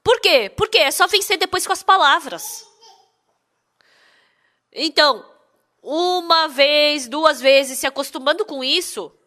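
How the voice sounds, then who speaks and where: Woman interpreting a sermon, high pitch, lively, keeps asking the crowd questions. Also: unhurried, long pauses. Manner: lively, asks rhetorical questions.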